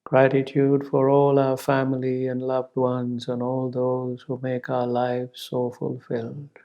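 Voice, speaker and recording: A male guide leads a spiritual meditation in a gentle, reverent voice, unhurried and steady in pitch with noticeable vocal fry. He speaks in measured phrases with long pauses and repeated words, and the recording sounds dull.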